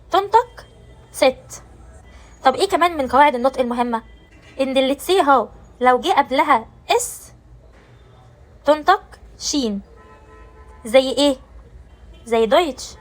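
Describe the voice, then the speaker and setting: A woman's voice: high-pitched, poor audio. A woman with an Egyptian Arabic accent teaching German pronunciation, explaining step by step and answering her own questions. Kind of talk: pronunciation lesson.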